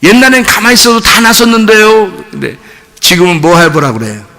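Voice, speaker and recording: A man preaching in church, with a high and very lively voice that leaps around as he fires questions at the congregation. His tone is intensely bright and forceful, and now and then he rises to a shout. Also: a little fast. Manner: animated, rhetorical questions to the congregation, bursts of shouting. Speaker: pastor. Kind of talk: sermon.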